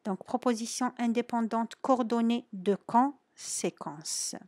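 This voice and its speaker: An Algerian woman gives a French grammar lesson, posing questions to her students and answering them herself while stressing key words. Her voice is a little high and darkish in tone, she speaks slowly, and there's no room sound.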